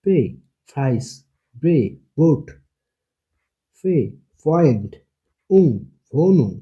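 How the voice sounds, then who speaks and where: A man's voice: on the high side, lively intonation, very slow, highs cut off. A man teaching an online language lesson, patiently spelling out letters and sounds one at a time.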